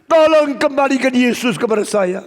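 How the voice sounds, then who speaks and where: Man doing a guilt-wracked disciple begging, high pleading voice in a big echoey hall. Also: lively intonation, normal speed. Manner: pleading, desperate. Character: remorseful male disciple begging to undo betrayal. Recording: long hall reverb.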